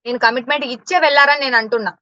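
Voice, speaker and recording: A woman's voice: high-pitched, very fast, pushed and bright, no room sound, muffled recording. A woman giving blunt, indignant answers in an interview. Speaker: interview guest.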